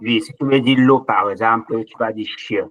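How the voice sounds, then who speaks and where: A man's voice: fairly low pitch, normal speed, fairly bright tone, low-quality recording. A man patiently explaining letter sounds in an online language lesson. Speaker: language teacher. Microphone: online session microphone.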